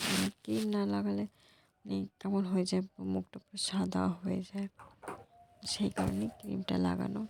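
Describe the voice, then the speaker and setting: Hoarse, gravelly young woman vlogging softly. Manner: soft, low-volume talk. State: hoarse, voice gone from a cold. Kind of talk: casual vlog talk to viewers.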